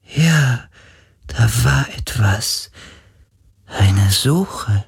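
A man voicing a dying ancient sea spirit, speaking slowly and breathily, often fading to whispers. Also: medium pitch, lively intonation, gravelly, husky, dry recording, clean studio sound, voice pushed up, heavily acted. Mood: wistful. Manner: slow, lamenting, childlike wonder.

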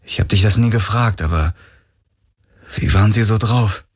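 A man voicing an earnest, uneasy young male hero in an audiobook, speaking in a casual, halting way. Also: fairly low pitch, slightly rough. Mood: pleading. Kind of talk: audiobook character voice.

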